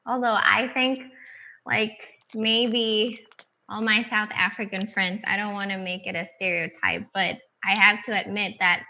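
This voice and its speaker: A woman's voice: medium pitch, flat delivery, unhurried, pushed and bright, dull audio. A woman in her twenties from Colombia, a native Spanish speaker, chatting cheerfully as a guest on an online show. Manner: cheerful, chatty, laughs easily. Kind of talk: casual video-call chat.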